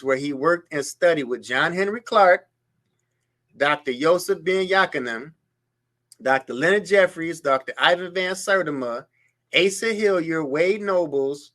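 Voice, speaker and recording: The host's voice is a little high and fairly bright as he reads a biography on his history show. He keeps interrupting himself to react to clips with incredulous ridicule.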